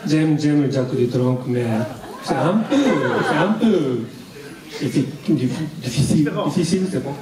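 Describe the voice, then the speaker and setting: A middle-aged man from Japan with a Japanese accent, speaking halting, broken French with repeated words in a comic stage introduction. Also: fairly high pitch, over a noisy crowd. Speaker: film festival guest speaking on stage. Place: large cinema hall stage. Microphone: handheld microphone. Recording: echoey noisy hall, from far off. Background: loud audience.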